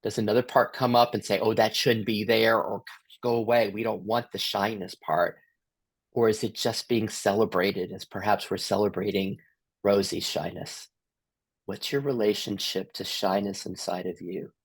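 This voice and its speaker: A man with a Southern American accent, gently guiding a therapy workshop with reflective questions. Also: on the low side, steady tone, normal speed, breathy edge, dry recording. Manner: gentle, inviting, asks many reflective questions. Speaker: workshop facilitator.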